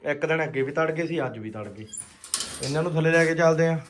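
High-pitched man vlogging casually. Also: fairly quick, slight background noise. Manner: animated, repeats short phrases. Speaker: pigeon keeper and vlogger. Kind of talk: casual outdoor vlog commentary.

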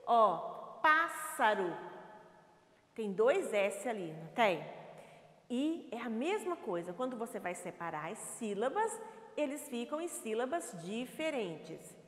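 A woman's voice: fairly high pitch, very animated, slow. A woman from Brazil teaching a first-grade class in a remote lesson, with a sing-song, affectionate manner and playful stories about letters. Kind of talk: recorded remote lesson for young children. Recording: echoey reverberant room.

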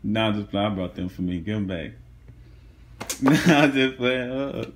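A man's voice: lowish voice, measured pace, heavy background noise. A young man filming his girlfriend on his phone, teasing her and laughing constantly. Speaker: boyfriend filming a surprise. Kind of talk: casual teasing vlog chat. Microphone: phone camera held while filming.

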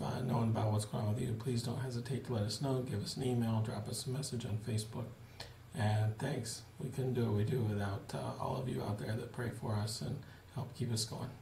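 A missionary in his forties gives supporters a relaxed, plain-spoken family update by webcam from a small home office desk, using many fillers. His voice is medium-pitched, and the roomy webcam audio carries faint ambience plus a little hiss or hum.

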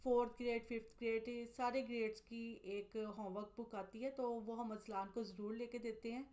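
Woman vlogger, somewhat high voice, even scripted voice-over, matter-of-fact price listing. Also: normal speed. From Pakistan. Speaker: vlogger, mother. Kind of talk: scripted voice-over narration of a store tour.

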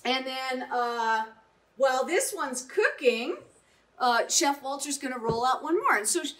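A woman's voice: high voice, expressive, a little slow, a bit bright. A middle-aged woman chef giving an upbeat cooking demonstration in a home kitchen, often checking in with "right?".

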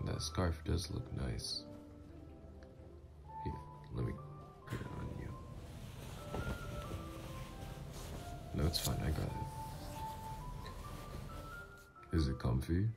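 In an ASMR roleplay, a man plays a mafia boss doting on his lover, his extremely deep, gravelly voice swinging freely up and down as he flirts. His delivery is intimate, teasing and reassuring, expressive, a little slow, full of pauses and fully in character. Music plays behind him.

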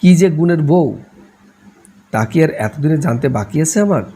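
A man voicing a scolding, sharp-tongued old grandmother in a read-aloud novel, shrill and scornful. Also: lively intonation, measured pace, breathy edge.

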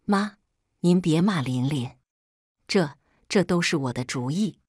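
Woman narrator doing a meek tearful young sister, soft, lively pitch, storybook. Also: unhurried, slightly rough, dry recording, studio quality, full character voice. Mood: timid. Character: timid soft-spoken young woman, anxious.

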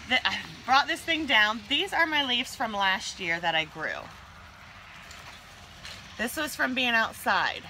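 A woman's voice: medium pitch, a little hiss or hum, poor audio. A woman hosting a plant vlog, talking casually and chattily as she walks around outdoors. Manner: chatty and relaxed, with frequent fillers. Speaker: plant vlogger host.

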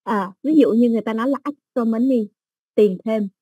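A woman teaching an English exam-prep lesson, explaining slowly with everyday examples and many fillers. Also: a little high, slightly rough, no echo, highs cut off.

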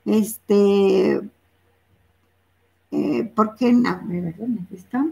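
Gravelly-voiced woman teaching English. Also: medium pitch, drawn-out words, warm tone, highs cut off. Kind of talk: bilingual classroom explanation.

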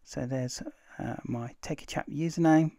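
A man, casually talking through a computer tutorial as host, relaxed and filled with "uh" pauses. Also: on the high side, dry recording, clean studio sound. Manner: relaxed, chatty, many "uh" fillers. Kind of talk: casual screen-recorded tutorial narration.

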